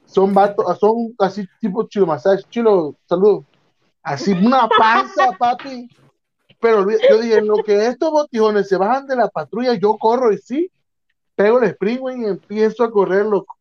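A man's voice: sits high, normal speed. Slangy young man telling a story. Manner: slangy, animated, acts out voices in his story. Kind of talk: casual storytelling chat. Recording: dull lo-fi sound.

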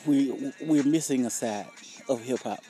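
A man's voice: mid-range voice, measured pace, mellow, faint music behind. A young man chats casually to viewers in a laid-back, slangy, profanity-laced way, often checking for agreement. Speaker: rapper promoting own music. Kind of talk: casual solo vlog chat.

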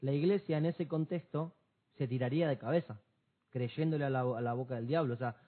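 A man's voice: medium pitch, a little fast. A man, co-host of a church talk, reasoning aloud with many restarts. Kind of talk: church discussion program. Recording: tinny phone-like sound.

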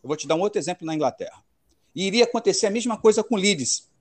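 Emphatic Brazilian man, lively high voice. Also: rapid-fire. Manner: emphatic, opinionated, slangy. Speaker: podcast host. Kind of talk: casual football chat.

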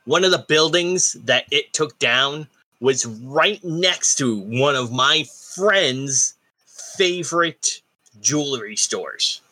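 A man acting as game master in an improvised tabletop role-play, animated as he moves between characters. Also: medium pitch, takes it slowly. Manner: animated, voices several characters.

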